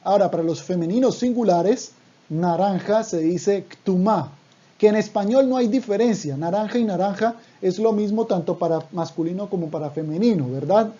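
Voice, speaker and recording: A man's voice: high voice, moderate pace, mellow, breathy edge. A man teaching a language lesson, patiently repeating words for the learner to drill. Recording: dull lo-fi audio.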